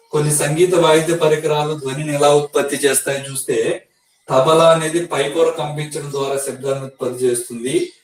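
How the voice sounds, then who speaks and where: Guy teaching an exam prep class, keeps repeating the facts to remember, bit high voice, echoey room, mic far away. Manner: explains step by step, repeats key facts to memorize. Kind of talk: exam-prep science lesson.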